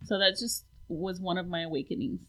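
This woman's voice is fairly low, fairly quick, and a bit bright. She's in her forties, born in the United States, and talks reflectively as a guest in a casual interview, filling her speech with many ums.

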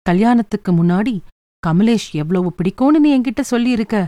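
A woman voicing a gentle, patient mother who gives calm, kindly advice in a storybook reading. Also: medium pitch, brisk, no room sound, clean studio sound, natural voice. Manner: soft, reasoning, kindly.

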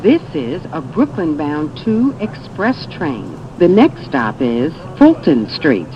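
Male subway announcer, train loudspeaker, slow clipped delivery, lively pitch, raised voice. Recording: muffled loudspeaker with train noise.

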